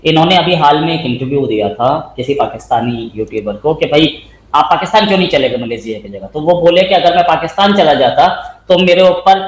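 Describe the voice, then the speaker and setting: A man with a fairly high voice talks through politics in a relaxed, conversational way. He reads viewer comments aloud and laughs easily. His voice bounces around a roomy space. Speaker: co-host of a political talk show. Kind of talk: casual political discussion.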